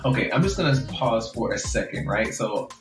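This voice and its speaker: A man's voice: medium pitch, lively intonation, moderate pace, music in the background. A man with a Jamaican accent, telling his story as a podcast guest in an earnest, reflective way and laughing often. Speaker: guest author. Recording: roomy echo.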